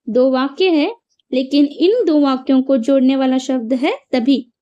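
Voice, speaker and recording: A woman teaching a grammar lesson, explaining clearly and repeating each example with emphasis. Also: sits high, dark tone, dull audio.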